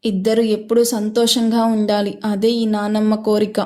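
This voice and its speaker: Woman voicing a gentle old grandmother nanny. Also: medium pitch, completely flat delivery, moderate pace, lightly acted. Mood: soothing. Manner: gentle, soothing, motherly. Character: elderly woman, the family's warm old nanny.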